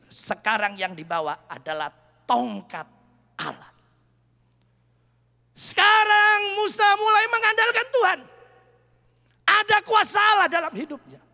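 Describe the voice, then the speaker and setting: A man preaching a sermon as pastor, telling stories with local dialect and breaking into loud emphatic shouts. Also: very high-pitched, gravelly. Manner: animated storytelling, mixing in local dialect. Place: large church hall. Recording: long church-hall reverb.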